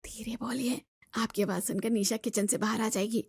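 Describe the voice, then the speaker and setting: A woman's voice: high voice, normal speed, creaky, no room sound. Woman playing a fretful old mother-in-law. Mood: sneaky. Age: 60s. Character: fussy old diabetic mother-in-law, sneaky.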